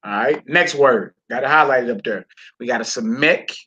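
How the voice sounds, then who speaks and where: A man's voice: mid-range voice, moderate pace, bright, forceful tone, slight background noise. A man teaching a Hebrew reading lesson, encouraging his student and repeating words and phrases.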